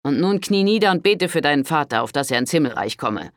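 A man voicing a stern, scheming older priest who speaks slowly and haughtily in an audiobook. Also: a little high, animated, no echo, clean studio sound, natural voice. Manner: severe, slow and haughty.

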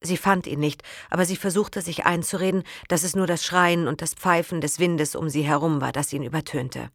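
A woman reading a dramatic novel aloud in measured narration that softens in the tense passages. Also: deep voice, fairly even intonation, no echo, clean studio sound. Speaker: audiobook narrator.

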